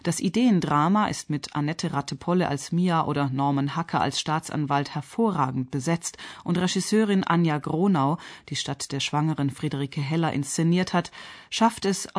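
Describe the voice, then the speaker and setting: The theatre review is read from a script by a woman radio critic whose low voice stays articulate, measured, and sharply pointed.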